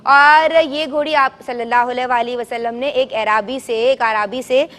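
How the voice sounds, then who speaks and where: A woman with a high, bright-pitched voice leads a group of children in call-and-response, asking questions and coaxing them to answer louder. Her voice carries a long reverb from a studio hall. She tells her stories in a gentle, coaxing tone. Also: steady tone. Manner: quizzes children and has them repeat answers loudly. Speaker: children's show host.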